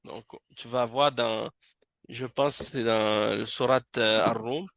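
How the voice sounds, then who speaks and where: A man teaching Arabic reading, talking slowly and patiently and repeating each word to drill it. His voice has a gravelly edge. The sound is dry and close, with no room echo. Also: medium pitch, steady tone, fairly bright tone. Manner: slow, patient, repeats words to drill pronunciation. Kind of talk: classroom lesson on Arabic reading. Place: mosque classroom.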